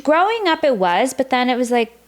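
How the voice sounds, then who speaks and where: A brisk, very animated woman with a high-sitting voice appears as a podcast guest. In her early thirties, from the United States and a native Vietnamese speaker, she tells candid personal stories in relaxed conversation, open and reflective, with plenty of casual "like."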